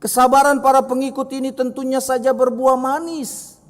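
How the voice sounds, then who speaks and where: A man's voice: very high-pitched, level tone, normal speed. A man preaching a sermon in a church, talking directly to the congregation and telling a story with vivid voices. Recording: echoey church hall.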